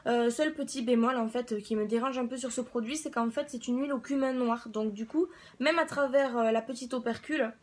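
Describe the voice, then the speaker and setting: A woman's voice: fairly high pitch, brisk, few pauses, darkish tone. A woman giving a casual product review as a beauty vlogger, chatting in a hesitant way as if thinking aloud.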